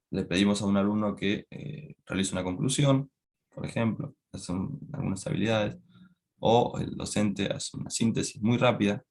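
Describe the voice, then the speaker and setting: Brief: young Argentine man, lower voice, student presenting a lecture, explanatory with lots of tag questions. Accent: Argentine Spanish. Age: young adult. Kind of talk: classroom lecture.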